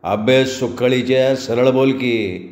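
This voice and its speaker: A man doing a gruff, barking village policeman. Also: mid-range voice, darkish tone, roomy sound, natural voice. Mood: menacing. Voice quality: gruff, barking, slow menacing. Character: gruff middle-aged village police constable.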